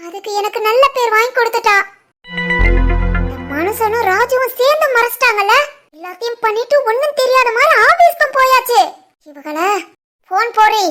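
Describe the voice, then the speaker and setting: Shrill scolding village mother-in-law. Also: moderate pace, a bit bright, faint music behind. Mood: furious. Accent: Tirunelveli Tamil. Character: furious middle-aged village mother-in-law. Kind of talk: animated family drama voice acting.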